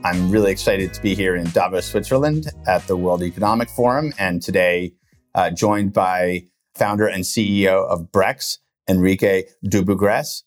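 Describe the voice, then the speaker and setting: A man's voice: sits low, normal speed, soft background music. A man hosting a podcast interview, easygoing and full of casual fillers. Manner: easygoing, lots of "like" and "you know". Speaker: podcast host.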